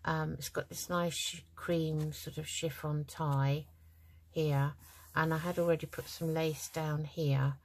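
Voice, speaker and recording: A woman's voice: low voice, flat delivery, slow pace, darkish tone. A middle-aged woman hosting a craft channel, talking casually and hesitantly through her project with many ums, tired and yawning. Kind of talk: casual crafting tutorial chat.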